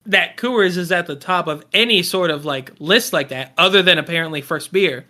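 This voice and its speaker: A man's voice: high voice, normal speed, sharp tone. A young man co-hosting a beer podcast, laid-back and agreeable in casual chat. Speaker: podcast co-host.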